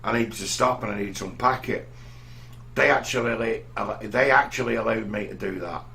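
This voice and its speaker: A middle-aged English vlogger rambles through personal anecdotes in a casual monologue, frequently starting his sentences over. He speaks at normal speed in a lowish, creaky voice that's bright and forceful.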